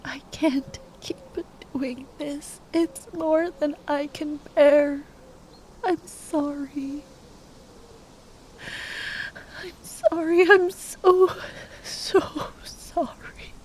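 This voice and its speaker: A woman voices a grieving, tender young sorceress at a bedside for an intimate ASMR roleplay, her mood moving from resigned sorrow to anguished apology. She speaks hushed and halting, often dropping to whispers, in a high-pitched voice with fairly even intonation, and there's slight background noise.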